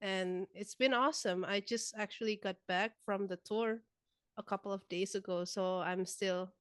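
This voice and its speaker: A woman's voice: mid-range voice, steady tone, normal speed, clear, resonant tone, no echo, clean studio sound. A young woman, a guest musician chatting casually in an interview, with many filler words. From Indonesia.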